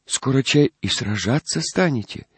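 A man reading a storybook aloud, voicing a gentle, frightened young peasant girl with a soft, tearful voice. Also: medium pitch, expressive, moderate pace, breathy edge, dry recording, pitched above the performer's own voice. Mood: sorrowful.

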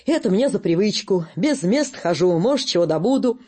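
A storyteller voicing a tall, thin, ragged former soldier who wheezes and rasps out wry remarks. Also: medium pitch, expressive, moderate pace, dark tone, close to an everyday voice. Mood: earnest.

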